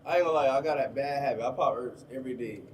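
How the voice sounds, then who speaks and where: Miami guy around thirty talking quick and loose, kinda far from the mic, faint room noise. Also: mid-range voice. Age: 30s. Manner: fast, loose street slang, lots of "you know what I'm saying". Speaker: rapper guest. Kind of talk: casual interview chat.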